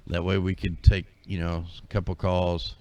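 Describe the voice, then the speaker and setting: Low-voiced laid-back male stream host. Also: level tone, normal speed, darkish tone. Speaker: call-in livestream host. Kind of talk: casual live-stream chat. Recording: dull lo-fi stream audio.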